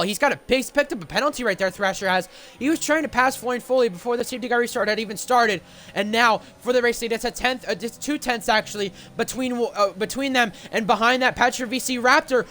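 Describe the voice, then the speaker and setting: High-pitched male motorsport commentator. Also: pushed and bright. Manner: play-by-play motorsport commentator delivery. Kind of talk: live sim racing commentary.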